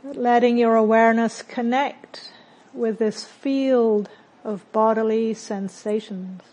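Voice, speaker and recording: On a rough recording, a woman whose voice sits slightly high leads a body scan meditation very slowly. As a meditation teacher, she keeps her tone calm and gentle, offering short phrases with long, unhurried pauses between them.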